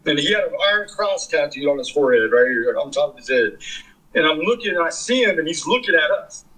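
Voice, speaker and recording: Man, fifties, husky voice, pitched a bit high, rambling, swearing, casual interview guest. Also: expressive, fast talker, bright, forceful tone, poor audio. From California Bay Area. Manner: rambling, profane, filler-heavy. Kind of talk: casual storytelling.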